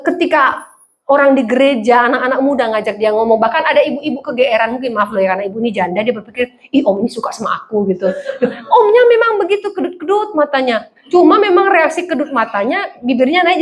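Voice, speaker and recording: High-voiced woman pastor preaching. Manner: humorous storytelling, acting out quoted voices. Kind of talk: sermon. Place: church.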